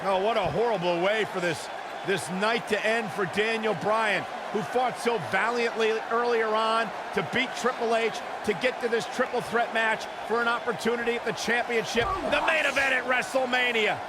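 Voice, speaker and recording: A man with a very high-pitched voice and fairly even intonation speaks at normal speed, playing the lead play-by-play wrestling commentator in a video game. Dramatic, alarmed and excited, he calls the action emphatically over loud, roaring arena crowd noise.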